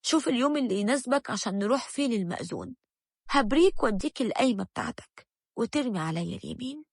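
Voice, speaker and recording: A woman reading the part of a young Egyptian wife in a storybook tale, standing her ground with a firm, wounded resolve. The voice sits a little high and sounds close and dry, with no room around it. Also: animated, quick pace, no room sound. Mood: firm, hurt.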